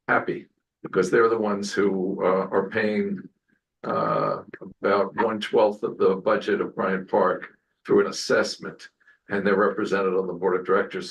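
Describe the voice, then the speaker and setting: A man answering questions at a community board meeting, halting with many fillers and restarts. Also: sits low, vocal fry, fairly bright tone, far from the mic, a little hiss or hum, low-quality recording. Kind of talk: public meeting testimony.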